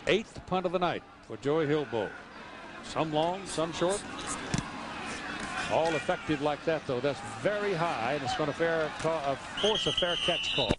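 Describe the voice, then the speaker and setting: A man doing college football play-by-play, calling each play briskly from a stadium broadcast booth. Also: on the high side, lively intonation. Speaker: play-by-play announcer. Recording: loud noise under an old broadcast.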